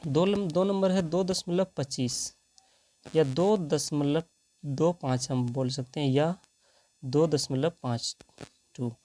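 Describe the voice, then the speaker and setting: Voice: medium pitch, slow pace, pauses often, dark tone, dry recording. A math teacher, working through problems step by step and asking rhetorical questions along the way.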